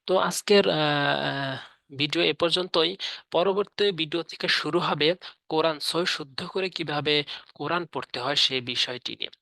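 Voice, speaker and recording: A man teaching how to recite, explaining in plain speech and then chanting verses slowly with long drawn-out vowels. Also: on the high side, vocal fry, sharp tone, dry recording. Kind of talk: spoken lesson with slow chanted recitation. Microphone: audio only, no camera.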